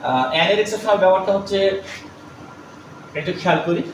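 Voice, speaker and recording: A man's voice: sits high, expressive, brisk. A man teaching English grammar, explaining step by step and asking and answering his own questions. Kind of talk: classroom lecture. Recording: echoey room with loud background noise.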